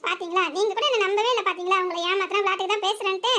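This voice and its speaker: A woman's voice: extremely high pitch, steady tone, rapid-fire, sharp tone. A woman voicing a hurt young wife. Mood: reproachful. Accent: southern Tamil. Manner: emotional, reproachful. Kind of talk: cartoon voice acting.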